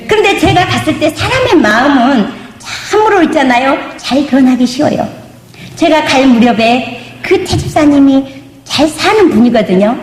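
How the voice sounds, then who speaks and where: A woman's voice: high voice, animated, normal speed. A woman pastor preaching a testimony sermon, emphatic and calling out to the congregation, sometimes slipping into a sung lilt. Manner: emphatic preaching, asks the congregation "do you believe?"; drifts into sung intonation. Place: church sanctuary. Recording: echoey hall.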